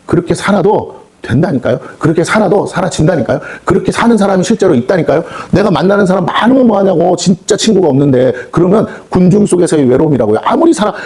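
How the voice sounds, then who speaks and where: A man's voice: high-pitched, expressive, fast talker, hardly any pauses, a little mellow, slightly rough. A male pastor preaching a sermon, firing off rhetorical questions and slipping into quoted voices. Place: prayer house meeting hall.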